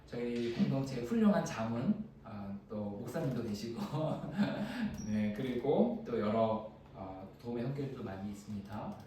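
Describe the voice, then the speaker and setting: Male pastor, sermon, storytelling delivery, lively pitch, echoey room, mic at a distance. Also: unhurried, few pauses, slight background noise. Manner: personal storytelling, shifting from animated to hushed. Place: small church room.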